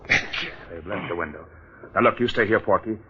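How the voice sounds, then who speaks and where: Casting: tough, insistent police detective, tense bright voice, muffled vintage radio sound. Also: male voice, deep voice, a little hiss or hum. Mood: urgent. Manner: brisk, insistent, takes charge. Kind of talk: 1940s radio acting. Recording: muffled 1940s radio broadcast.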